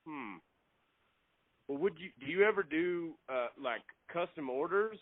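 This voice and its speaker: Man, over the phone, polite caller, halting, thin dry line. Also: fairly high pitch, expressive, no echo. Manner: polite, halting, repeats words. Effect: heard over a phone line. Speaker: prank caller.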